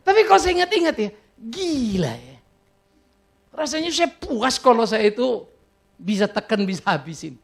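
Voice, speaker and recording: A man's voice: extremely high pitch, big pitch swings, measured pace, vocal fry, long pauses. A middle-aged man with a Batak accent preaching a sermon, telling stories and teasing his congregation. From Indonesia. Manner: storytelling, teasing the congregation, breaks into laughter. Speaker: pastor.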